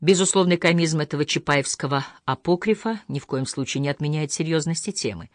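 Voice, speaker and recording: A woman narrating an audiobook of literary essays in a measured, expressive reading. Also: sits low, dry recording, clean studio sound.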